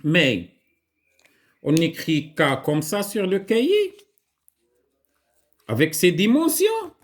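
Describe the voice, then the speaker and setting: A man with a Moroccan accent teaching a writing lesson to young children, slowly repeating words for them to echo. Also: sits high, very animated.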